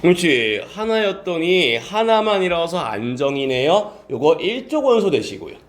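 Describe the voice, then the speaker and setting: A male science teacher giving a classroom lecture, calling on students by name and answering his own quick questions in polite speech mixed with casual talk. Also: on the high side, big pitch swings.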